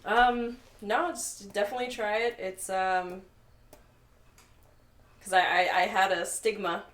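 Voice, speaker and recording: A woman's voice: mid-range voice, fairly even intonation, a little slow, a bit bright. A woman in casual group chat, thoughtful and hesitant, using fillers. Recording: roomy, faint background noise.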